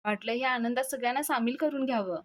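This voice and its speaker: A woman's voice: on the high side, fast, close to an everyday voice. A woman voicing a pleading, reassuring elder brother who coaxes the others, in a retold serial episode. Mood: coaxing. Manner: coaxing, persuasive.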